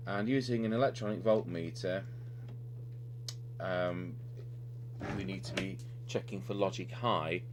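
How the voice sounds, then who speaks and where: Working at the bench, a deep-voiced electronics repair presenter thinks aloud through an unscripted, methodical hands-on technical demonstration. Steady electrical hum and noise sit beneath this clearly noisy recording.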